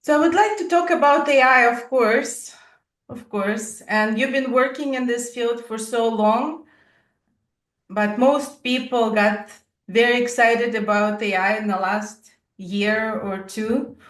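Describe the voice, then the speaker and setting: A woman's voice: a little high, measured pace, far from the mic. A woman hosting an interview, asking curious, friendly questions. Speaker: podcast host. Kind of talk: interview conversation. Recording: roomy echo, a bit off-mic.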